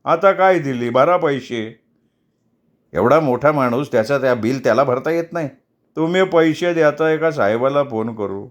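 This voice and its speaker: A man's voice: mid-range voice, expressive, moderate pace, dull audio, close to an everyday voice. A man voicing a pushy, greedy middle-aged fixer, bullying and scornful. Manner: bullying, scornful, self-important.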